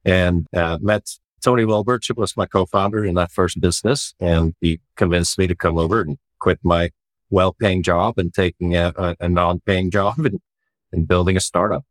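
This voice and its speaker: A Swedish startup founder and CEO in his forties talks through his career in casual interview answers, relaxed and reflective at a moderate, easy pace. His voice is very low, and the dry, close recording has no room echo. He often says "you know" as he thinks and laughs lightly now and then.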